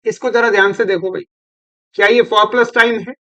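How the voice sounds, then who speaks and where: A man's voice: sits high, steady tone, normal speed, sharp tone, muffled recording. A man teaching an English grammar lesson, questioning and coaxing his students and repeating words. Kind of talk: classroom lecture.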